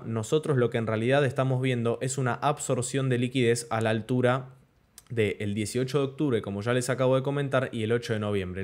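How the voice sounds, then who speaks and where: A young man with a medium-pitched, slightly mellow voice walks through a crypto trading chart tutorial on screen share. Key terms get a slower, stressed delivery, and he frequently checks in with "¿ok?" and "¿de acuerdo?". He is visible on a webcam in the screen recording's corner.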